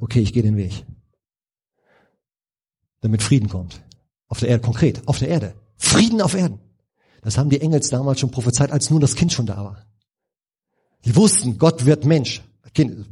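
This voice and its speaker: A man's voice: mid-range voice, dark tone, husky. A middle-aged man preaching a sermon in a conversational, informal way, with rhetorical questions and frequent restarts.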